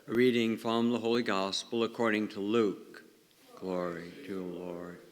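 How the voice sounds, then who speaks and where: A parish priest reads the Gospel and gives a conversational homily in a large church, plain-spoken and asking the congregation questions. His voice is fairly low, flat in delivery and moderate in pace, wrapped in the long echo of the cathedral-like space.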